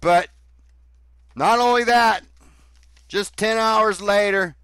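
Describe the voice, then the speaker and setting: Sarcastic man with a smooth voice. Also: high-pitched, slow, fairly bright tone, no echo. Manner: sarcastic, scornful, swears. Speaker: commentary host. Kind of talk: sarcastic commentary on played clips.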